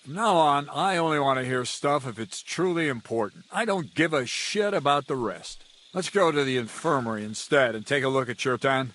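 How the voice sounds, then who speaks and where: A man's voice: medium pitch, animated, normal speed, a bit bright, close to an everyday voice. An actor playing an impatient camp commander, not a nobleman, who gives curt orders and swears freely. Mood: irritated. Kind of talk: video game cutscene dialogue.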